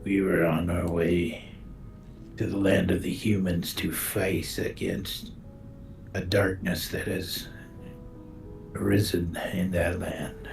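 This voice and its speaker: [name], a man playing a gravelly orc warrior. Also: flat delivery, faint music behind, heavily acted. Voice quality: deep gravelly voice. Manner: slow, grave and formal. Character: gruff male orc warrior, clan fighter. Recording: roomy echo.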